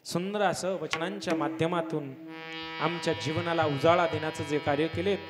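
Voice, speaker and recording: A man's voice: a little high, steady tone, moderate pace, music in the background. Fervent man preaching a kirtan. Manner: fervent, rising to loud exclamations. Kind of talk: devotional kirtan sermon with chanting. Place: village religious gathering. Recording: long hall reverb with harmonium and tabla.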